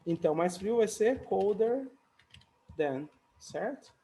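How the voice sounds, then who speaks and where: A man's voice: sits high, lively intonation, slow pace, warm tone. A man teaching English comparatives in a casual, chatty video lesson, often adding little tag questions and light jokes.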